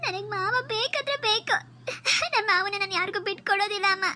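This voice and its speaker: Woman doing a whiny lovesick girl, very high squeaky voice, tearful, pleading, cartoon. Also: fairly quick, sharp tone, slight background noise, full character voice. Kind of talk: Kannada cartoon voice acting.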